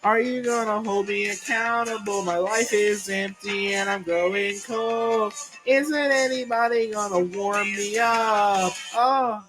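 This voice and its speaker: Late-teen male singer, self-deprecating comic songs, slow phrasing, light music underneath. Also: high-pitched, fairly even intonation, low-quality recording. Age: late teens. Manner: self-mocking, confessional singing. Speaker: singer-songwriter. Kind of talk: comedic song performance. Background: faint music.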